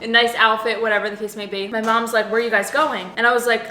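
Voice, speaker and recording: A woman's voice: on the high side, fairly even intonation, fast, roomy sound, a crowd in the background. A young woman from New Jersey, a couple vlogger, telling a story in casual chat, full of "like" fillers. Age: young adult. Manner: chatty, filler-heavy storytelling with many "like"s.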